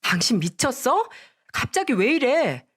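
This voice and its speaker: A woman's voice: high voice, very animated, a little slow, breathy edge, pitched above the performer's own voice, exaggerated voice. A woman voicing a flustered, panicky husband in a dramatized story reading. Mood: alarmed. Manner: flustered, whining. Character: startled panicky husband, middle-aged.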